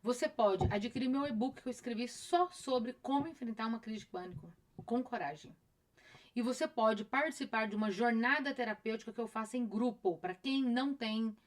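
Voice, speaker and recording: Casually chatting on a live stream, a middle-aged Brazilian Portuguese-accented therapist repeats phrases and acts out her patients' voices, her voice on the high side.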